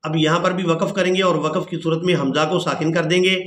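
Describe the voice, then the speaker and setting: High-voiced man teaching Quran recitation. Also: steady tone, a bit bright. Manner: spells out letters and vowel marks, then chants the verse slowly. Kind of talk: tajweed lesson with chanted recitation. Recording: echoey room.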